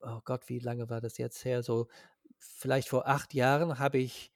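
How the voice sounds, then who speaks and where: A man's voice: medium pitch, little pitch movement, measured pace, dry recording, studio quality. A man from Ireland with an Irish accent, speaking German in a casual interview as a guest, hesitant, with many fillers and restarts.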